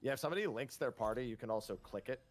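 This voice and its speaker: Man, mid-pitched, easygoing guildmate cracking jokes over voice chat. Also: animated, racing, slight background noise. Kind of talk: casual gaming chat.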